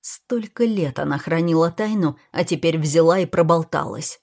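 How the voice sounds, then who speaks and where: A woman's voice: low voice, normal speed, a little mellow. A woman reading a novel aloud in scripted first-person narration. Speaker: audiobook narrator.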